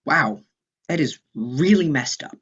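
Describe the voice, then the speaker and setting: A woman's voice: sits low, lively intonation, unhurried, fairly bright tone, husky, full character voice. A woman playing an appalled fellow storyteller in comic stage dialogue. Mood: appalled, resigned. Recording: dull, muffled stage recording.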